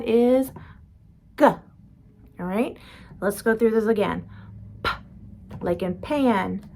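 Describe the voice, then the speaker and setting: A woman teaching beginner phonics, slowly demonstrating each speech sound and how the mouth makes it. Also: a little high, pushed and bright. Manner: slow, careful demonstrating of sounds. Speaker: reading and spelling teacher. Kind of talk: phonics lesson.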